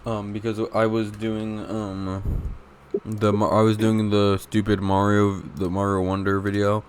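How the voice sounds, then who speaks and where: A young man co-hosting a podcast in casual chat, rambling and interrupting himself, with deadpan teasing. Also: fairly low pitch, a little slow, a little hiss or hum. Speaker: podcast co-host.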